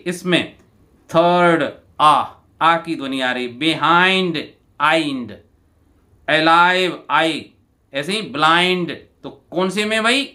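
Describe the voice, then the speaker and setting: A man teaching an exam walkthrough lesson. His voice sits high and sounds bright and forceful, and he goes unhurriedly, repeating each word. He talks casually to his students. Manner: repeats each word slowly, calling listeners "bhai".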